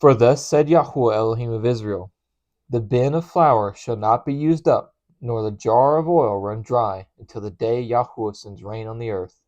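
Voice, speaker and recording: A man's voice: medium pitch, normal speed, darkish tone, lo-fi sound, lightly acted. A man reading as a solemn prophet.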